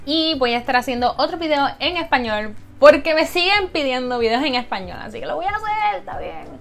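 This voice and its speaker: A young woman with a fairly high voice tells a story to the camera as a vlogger. Her delivery is animated and dramatic, and she mixes English words into her speech.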